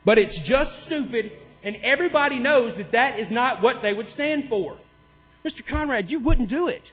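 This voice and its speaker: A man with a high, lively voice makes an impassioned, sarcastic public comment in a city council chamber, pressing his points with question after question. The sound is thin and phone-like, ringing with long hall reverb over a low mains hum. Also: normal speed. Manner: heated, sarcastic, driving home points with repeated questions.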